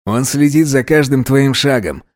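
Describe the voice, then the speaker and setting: A man reading an audiobook voices a smug, cocky young man who is a wolf shapeshifter, drawling softly. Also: medium pitch, normal speed, no echo, close to an everyday voice. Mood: earnest.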